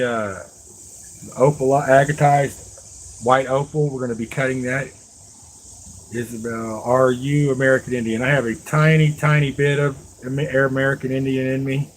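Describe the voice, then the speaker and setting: While he works with his hands on a live stream, a middle-aged man who makes knives rambles along in a casual, folksy way, talking straight to his viewers. He has a mid-range voice. The recording is low quality, with slight background noise.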